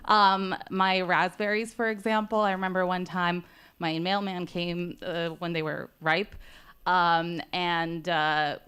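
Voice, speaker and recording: Audience storyteller, woman from Poland, clear resonant tone. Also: on the low side, flat delivery, slow, fairly bright tone. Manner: storytelling, earnest. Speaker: audience member. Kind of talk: anecdote told at a conference. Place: conference hall.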